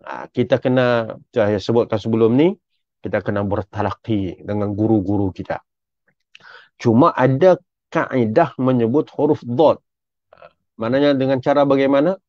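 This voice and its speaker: A man's voice: medium pitch, darkish tone, no echo. A Malaysian man giving a Quran recitation lesson, drawing out example words and correcting with frequent "ah" and "ha". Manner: drawn-out, repeated recitation examples. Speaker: religious teacher. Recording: dull, muffled lo-fi recording.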